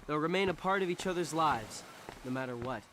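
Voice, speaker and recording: A man's voice: fairly high pitch, animated, a little fast, fairly bright tone, slight background noise. An actor playing a confident, teasing teenage boy in a video game.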